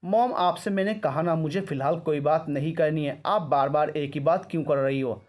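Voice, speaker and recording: A man's voice: fairly high pitch, lively intonation, moderate pace, a little mellow, lightly acted. A man voicing a spoiled, obsessive young woman. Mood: defiant. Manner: snappish, defiant.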